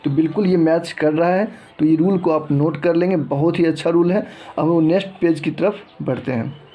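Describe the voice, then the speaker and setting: A man's voice: a little high, normal speed, dull audio. A man teaching English letter pronunciation, reading word lists one by one and often restarting his phrases. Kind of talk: explaining a lesson.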